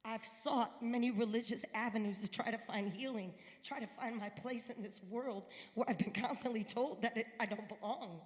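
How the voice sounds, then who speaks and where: A woman's voice: on the high side, moderate pace, hardly any pauses, in a large hall. A woman from upstate New York giving an earnest, emphatic personal testimony at a church service. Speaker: guest speaker at a church service. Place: church sanctuary.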